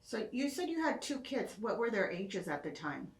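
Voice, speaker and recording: A woman interviewer asking brief, gentle questions in an oral history interview. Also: fairly high pitch, sing-song, moderate pace, roomy sound. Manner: brief, gentle questions and back-channel murmurs. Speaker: interviewer, professor.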